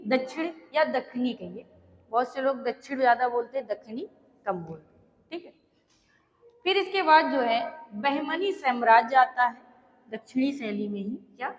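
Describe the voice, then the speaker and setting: Woman teacher reading out notes slowly, kinda high voice, dull sound with a long echo. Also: animated. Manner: slow, repetitive dictation with frequent checks. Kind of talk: exam-prep art history lecture.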